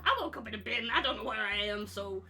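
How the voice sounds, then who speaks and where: A woman's voice: medium pitch, fast talker, pushed and bright. A woman voicing a panicky male acorn with a big mustache, talking frantically between laughs. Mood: panicked. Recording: clear background music.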